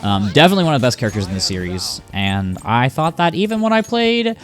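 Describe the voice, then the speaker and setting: Animated rambling game streamer, man. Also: medium pitch, quick pace, faint music behind. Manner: rambling, animated, laughs often. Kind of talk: casual gameplay commentary.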